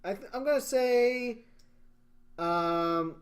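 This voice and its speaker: A man co-hosting a wrestling podcast, talking excitedly, laughing often and leading the segments. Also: extremely high pitch, slow pace. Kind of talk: casual chat.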